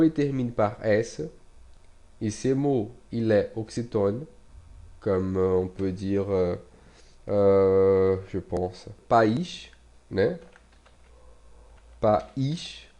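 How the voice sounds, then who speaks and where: A man with a Brazilian Portuguese accent teaching a casual online language lesson in French, speaking slowly with many fillers and restarts, repeating and spelling out words as he types. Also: lowish voice, warm tone.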